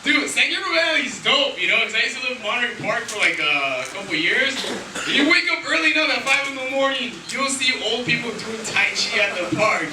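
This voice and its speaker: A man's voice: very high-pitched, big pitch swings, brisk. A man in his twenties from Los Angeles doing a loose, profane stand-up set, laughing at his own jokes. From Los Angeles, USA. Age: 20s. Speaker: stand-up comedian. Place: small vape shop, indoors. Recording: echoey room, distant mic, loud background noise.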